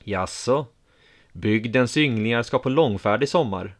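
A man doing a shrill, cocky old chieftain. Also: expressive. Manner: boastful, slurring. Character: cocky, drunk old male farm chieftain. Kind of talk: audiobook storytelling.

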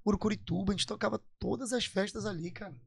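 A man's voice: high-pitched, fairly even intonation, fast, creaky, husky, no echo, clean studio sound. A man from Parintins, telling his story as a guest musician in a casual, emphatic way, repeating phrases for weight. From Parintins, Amazonas, Brazil.

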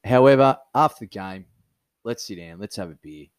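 A man's voice: lowish voice, moderate pace, clear, resonant tone, dry recording. A man with an Australian accent, co-hosting a podcast and telling stories in casual chat, laughing often. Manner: storytelling, laughs a lot, animated. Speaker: podcast co-host.

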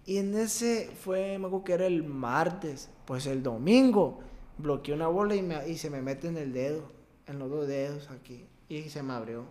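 A young man from Mexico, a baseball player, telling a personal story as a podcast guest, with an emotional, halting delivery and many restarts. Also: a little high, a little mellow. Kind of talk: casual interview storytelling.

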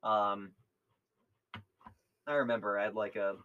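A man's voice: fairly low pitch, steady tone, clean tone, phone-quality sound. A young man co-hosting a podcast, telling chatty stories in casual talk. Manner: quick, chatty, nostalgic storytelling. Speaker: podcast co-host. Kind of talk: casual chat.

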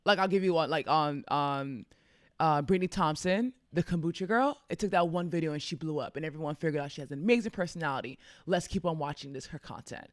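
A woman's voice: low-pitched, fast, no echo, clean studio sound. A woman content creator giving casual, upbeat advice in a chatty way, laughing often.

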